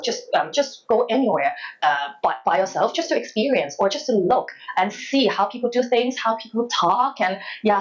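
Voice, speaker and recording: In dull audio, a woman in her thirties from Hong Kong, once a journalist, gives thoughtful but faltering interview answers with repeated words. She has a mid-range voice and a Hong Kong accent.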